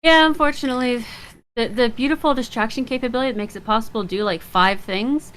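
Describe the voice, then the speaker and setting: A woman's voice: fairly high pitch, fast, fairly bright tone. A woman co-hosting a casual show, chatty and laughing often as she talks. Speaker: podcast co-host. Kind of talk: casual chat.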